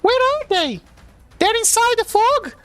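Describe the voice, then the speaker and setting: A man voicing a haughty, dismissive female villain boss in a condescending falsetto in a tabletop game. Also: very animated, unhurried, fairly bright tone, no echo, full character voice. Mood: demanding.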